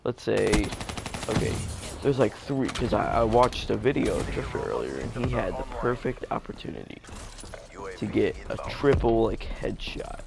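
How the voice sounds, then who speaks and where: A man's voice: on the low side, expressive, moderate pace, creaky. A young man giving live gameplay commentary as a gaming YouTuber, rambling with many fillers and restarts. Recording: gameplay gunfire loud behind. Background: game gunfire and explosions.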